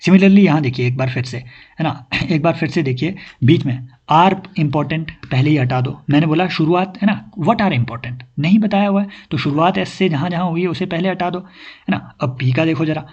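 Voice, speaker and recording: A man teaching an online exam-prep lesson, explaining step by step, checking in often with listeners and reading English sentences out slowly. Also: on the high side, a little mellow, husky, muffled recording. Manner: explains step by step, keeps asking "है ना".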